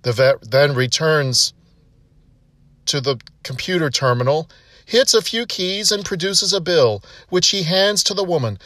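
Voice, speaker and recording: A man narrating a joke story in a steady, measured way. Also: fairly high pitch, no echo, distant mic. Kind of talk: reading a joke aloud.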